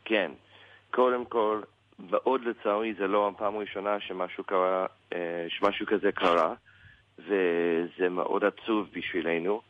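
A man with an American English accent in Hebrew, a native English speaker, answers a radio interview as a rabbi, haltingly searching for words. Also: sits low, steady tone, no echo, phone-quality sound.

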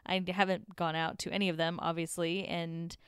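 A young woman co-hosting a podcast, telling stories in an animated, giggly way with many "like" fillers. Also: on the low side, fairly quick, clear, resonant tone, no echo, studio quality. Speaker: podcast co-host. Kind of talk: casual chat.

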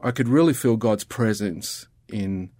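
A man's voice: lowish voice, a little slow, darkish tone, no echo, studio quality. A middle-aged Australian man with an Australian accent, talking earnestly and reflectively as a podcast guest. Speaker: guest, ministry worker. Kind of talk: casual conversation.

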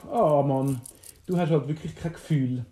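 A woman with a Swiss German accent voicing a kindly male dwarf inventor, speaking softly and patiently. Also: deep voice, normal speed, natural voice. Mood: gentle. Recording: roomy, echoey.

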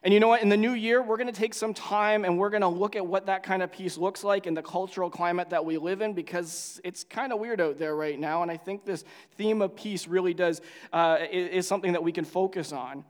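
A man's voice: high voice, fairly even intonation, fairly quick, big-room sound. A male pastor praying and then preaching in a conversational, storytelling way with frequent restarts. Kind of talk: sermon with prayer.

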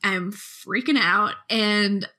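A woman archaeologist telling a story in casual podcast chat, lively and often laughing. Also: mid-range voice, very slow.

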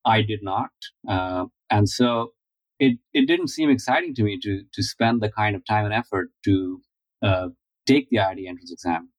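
A man in his forties from India speaks in a low, unhurried voice, pausing often with fillers as he answers. The recording is close and dry, with no room sound. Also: dry recording, low-quality recording. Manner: measured, thoughtful, many uh fillers. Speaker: guest, finance founder. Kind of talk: interview answers.

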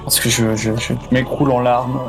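A man's voice: medium pitch, little pitch movement, normal speed. A man chatting casually as a player in a tabletop game, with music behind him.

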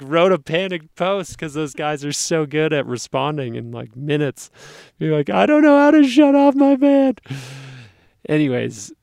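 A man in his thirties co-hosting, telling a travel story casually and acting out his own panicked shouts. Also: on the high side, no echo. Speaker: podcast co-host.

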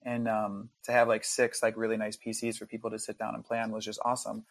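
A man's voice: on the low side, fast talker, gravelly, no echo. A man chatting casually as a guest game developer on a podcast, rambling with plenty of fillers. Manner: relaxed, rambling, lots of fillers.

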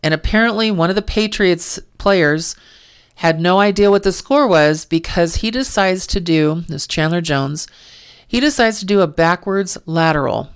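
A California-based woman hosts a sports podcast, delivering a casual football commentary monologue that is opinionated and exasperated, with sarcastic asides. Her voice is on the low side and clean in tone, at normal speed.

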